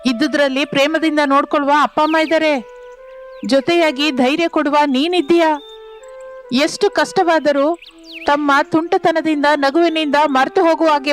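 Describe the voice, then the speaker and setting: A proud family man from a cartoon story, struggling but holding firm, voiced by a woman in a dignified, quietly defiant way. The pitch is high for a man, with faint music beneath. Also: natural voice. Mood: tender.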